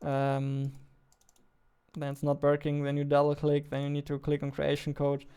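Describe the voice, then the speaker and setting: A man in his 20s, an indie game developer, chats casually while working on a livestream from a small home studio, speaking into a close studio mic on a boom arm. His voice is a little high, mellow and smooth, with completely flat delivery at normal speed.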